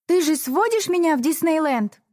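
A woman's voice: high-pitched, expressive, warm tone, voice pushed up. A woman voicing a touchy, chattering twelve-year-old girl in an audiobook. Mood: eager. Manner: fast, chirpy.

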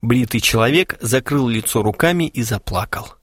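An expressive male narrator reading a story aloud, his voice lively and full of inflection. The recording is dry and close. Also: medium pitch, normal speed, husky, dry recording. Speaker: audiobook narrator.

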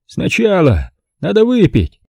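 A smug, boastful club owner full of glee, as an audiobook reader puts him on. He talks in a high, lively voice with a husky edge. The recording is dry and close. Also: unhurried, no room sound, full character voice. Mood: condescending. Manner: gleeful, condescending, boastful. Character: playful, smug middle-aged male club owner. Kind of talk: audiobook character voice.

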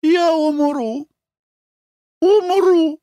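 Male reader doing a melodramatic young lady, plaintive high wail, dry close sound. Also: extremely slow, mellow, dry recording, dull audio, exaggerated voice. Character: young woman feigning dying, theatrical.

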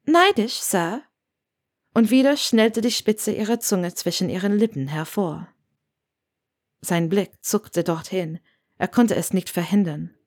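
Woman reading fanfic aloud, calm storyteller voice, close dry mic. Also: lowish voice, a little slow, no echo. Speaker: audiobook narrator. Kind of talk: reading fan fiction aloud.

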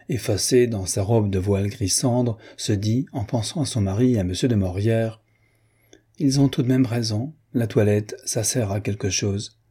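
Man, audiobook narrator, low husky voice, dark mellow tone, measured. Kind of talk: audiobook reading of a classic novel.

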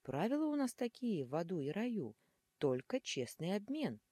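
A woman reading an audiobook voices a frightened angel and demon suitor pleading in chorus, with a squealing, higher voice. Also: big pitch swings, normal speed, mellow, slightly rough, no room sound, clean studio sound.

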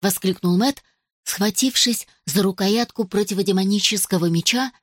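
A woman reading a children's adventure story aloud as narrator, steady and expressive. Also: mid-range voice, moderate pace, no room sound, clean studio sound. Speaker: audiobook narrator.

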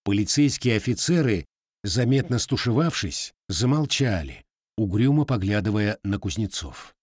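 Male narrator, audiobook reading, very animated intonation, dry close sound. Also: lowish voice, normal speed, breathy edge, no room sound. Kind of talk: scripted narration.

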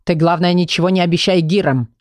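A woman's voice: fairly low pitch, steady tone, darkish tone, dry recording, clean studio sound, lightly acted. Woman doing a pompous old book of curses. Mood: excited. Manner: slow, self-important. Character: pompous male book of curses, slow and self-important.

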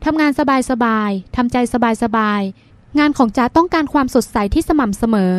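A woman reading as a calm, gentle young boyfriend. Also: very high-pitched, moderate pace, dry recording. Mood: soothing.

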